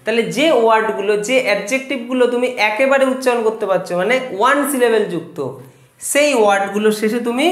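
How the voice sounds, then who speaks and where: A man teaching grammar to students, explaining rules patiently step by step and slowing down to repeat example words. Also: extremely high pitch, a bit bright. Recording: echoey room.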